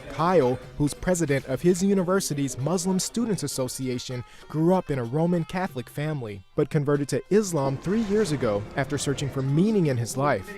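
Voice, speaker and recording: This news feature is narrated by a man whose pitch runs slightly above the typical male range. He sounds measured and informative yet expressive, while gentle music plays underneath.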